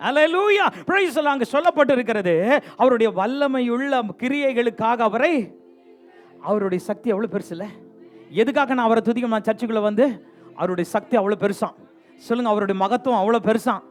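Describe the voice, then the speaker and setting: A man preaches in church in an unusually high voice, urging the congregation to answer back and gently teasing latecomers and quiet youths. He repeats refrains again and again to draw responses. Faint music sits under the sermon. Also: brisk. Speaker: pastor. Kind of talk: lively bilingual sermon with call-and-response. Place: church sanctuary.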